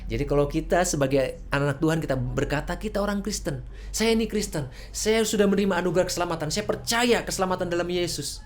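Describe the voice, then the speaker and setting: Low-voiced woman preaching a sermon. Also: fast, a little hiss or hum. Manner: casual, conversational preaching with rhetorical questions. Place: church service.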